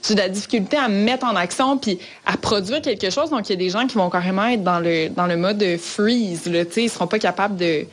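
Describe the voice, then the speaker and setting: Québécois woman host explaining clearly. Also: mid-range voice, a little fast, few pauses. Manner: explains psychology concepts clearly, friendly. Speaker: podcast host. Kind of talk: casual explanatory podcast talk.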